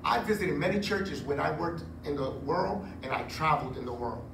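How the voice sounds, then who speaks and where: A man in his forties preaching a sermon on a church stage into a handheld mic, chatty and animated with joking asides. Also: on the high side, normal speed, far from the mic. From Puerto Rico heritage. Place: church stage with curtain backdrop. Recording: echoey room, recorded from afar, noisy.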